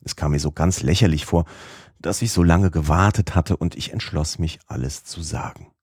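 A man reading a novel aloud in the first person, with a measured, even storytelling delivery on a close mic. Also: deep voice, breathy edge, dry recording. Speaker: audiobook narrator.

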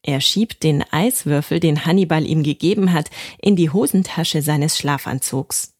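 Storyteller: woman, gentle bedtime reading, husky tone, dry close mic. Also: low voice, normal speed, dry recording.

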